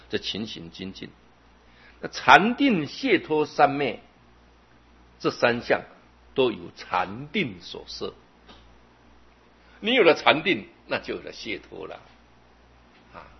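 A man's voice: mid-range voice, husky. A man giving a Buddhist sermon, telling stories with many filler particles. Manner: storytelling, with frequent filler particles. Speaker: Buddhist teacher. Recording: dull lo-fi recording.

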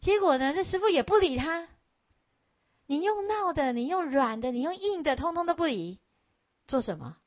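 Animated woman giving a Buddhist sermon. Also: high-pitched, moderate pace. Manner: animated, conversational, frequent "ha" tags. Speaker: Buddhist dharma teacher. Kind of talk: sermon with storytelling. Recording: tinny phone-like recording.

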